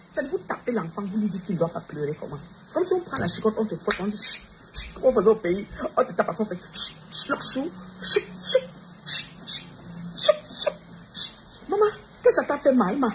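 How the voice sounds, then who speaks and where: A woman, ranting defiantly on a livestream and calling out her rivals directly. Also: medium pitch. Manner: defiant, addresses rivals directly with repeated challenges. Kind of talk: confrontational livestream rant. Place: Montreal. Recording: noisy background ambience.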